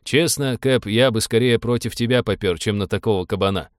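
A man voicing a gruff, blunt male ship pilot who talks in plain slang. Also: on the low side, fairly quick, no echo, studio quality, close to an everyday voice.

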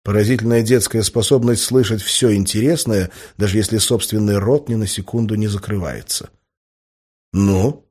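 A man narrating a first-person audiobook in a dry, wry, even manner. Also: fairly low pitch, a little fast, hardly any pauses, slightly rough.

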